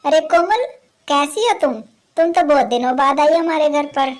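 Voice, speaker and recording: A woman voicing a scheming, sharp-tongued young wife crow who scolds her mother-in-law harshly. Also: high voice, expressive, normal speed. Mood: chatty. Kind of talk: cartoon voice acting.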